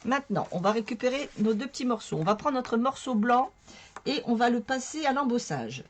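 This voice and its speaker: A woman with a hoarse, strained voice explaining a card-making tutorial in a chatty, self-mocking way as she works. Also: on the high side, sing-song, fairly quick, a little hiss or hum. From northern France. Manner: chatty, talks to viewers while working, self-mocking. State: hoarse from a sore throat. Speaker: craft tutorial host. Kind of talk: casual crafting tutorial.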